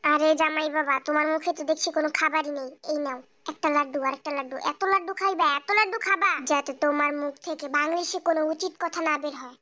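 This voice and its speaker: A woman doing a gruff, scolding old-fashioned father. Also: high voice, steady tone, fast talker, hardly any pauses, bright, forceful tone, voice pushed down. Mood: mock-sweet. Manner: insulting, bossy, blunt.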